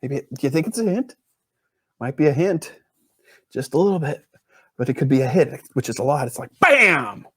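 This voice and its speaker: A man's voice: mid-range voice, animated, brisk, long pauses, mellow, breathy edge, dry recording. A man from the US Pacific Northwest hosting a casual beer review podcast, rambling and joking as he reads reviews aloud.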